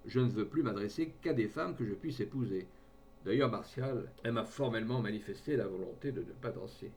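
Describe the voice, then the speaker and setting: A man's voice: fairly low pitch, a little fast, gravelly, a little mellow, slight background noise. A man reading aloud voices a gallant, blunt cavalry colonel, unsure with ladies and bluff with friends. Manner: hesitant with women, bluff with friends.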